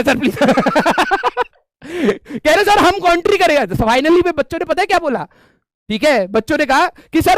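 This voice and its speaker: A man teacher telling a funny story to his class, animated and laughing often. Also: very high voice, no echo, studio quality. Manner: animated, laughing, frequent filler checks.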